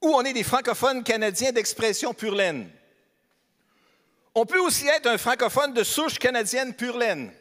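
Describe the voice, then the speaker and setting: In a church hall full of long reverb, a male pastor from Quebec's Beauce region preaches with a Québécois French accent, joking and asking his listeners questions in a conversational manner. His extremely high, expressive voice is a bit bright and moves at a moderate pace.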